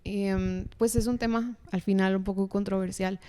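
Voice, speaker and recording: A young woman from Mexico, a podcast guest, sharing a personal faith testimony in a casual, earnest and animated way. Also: medium pitch, moderate pace, clean tone. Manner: earnest, animated storytelling with laughs.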